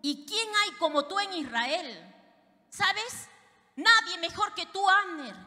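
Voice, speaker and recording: A woman preaching acts out a bold young male warrior who loudly rebukes a general. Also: very high voice, animated, slow pace, voice pushed up, exaggerated voice. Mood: reproachful. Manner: loud, reproachful, emphatic. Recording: reverberant church hall.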